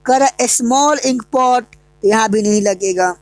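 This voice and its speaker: Woman, grammar teacher, online lesson, asks questions and answers them, fairly high voice, dry close sound. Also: normal speed, no room sound.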